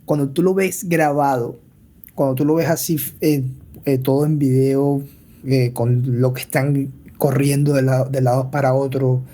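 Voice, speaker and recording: A man's voice: medium pitch, little pitch movement, unhurried, warm tone. A man co-hosting a podcast in casual chat, colloquial and teasing. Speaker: podcast co-host.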